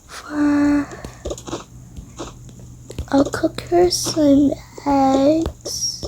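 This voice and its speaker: Over a toy-house game, a player makes up a roleplay story, voicing family members and murmuring as though talking to themself. Their voice is high-pitched with a dark tone, and the rough recording carries slight background noise.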